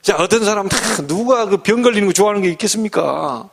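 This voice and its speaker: A man's voice: high voice, animated, quick pace, vocal fry, noisy background. A middle-aged male pastor giving a folksy sermon full of humor and rhetorical questions.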